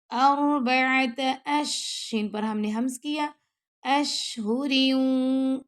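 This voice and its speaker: A woman teaching Quran recitation, chanting verses slowly and drawn out, then explaining each rule quickly and patiently and checking in with her students. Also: on the high side, creaky. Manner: patient, checks in with repeated questions. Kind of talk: tajweed lesson.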